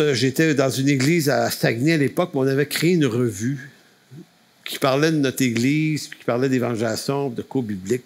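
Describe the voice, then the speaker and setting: A man with a Quebec French accent telling a testimony story as a camp speaker, folksy and full of restarts. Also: medium pitch.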